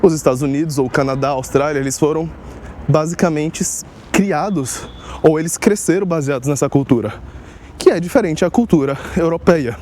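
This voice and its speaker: With a fairly high, darkish voice at normal speed, a young vlogger from Salvador in Northeast Brazil talks about life abroad. His explanations are casual and aimed straight at his viewers, sprinkled with rhetorical asides, and street noise can be heard behind him.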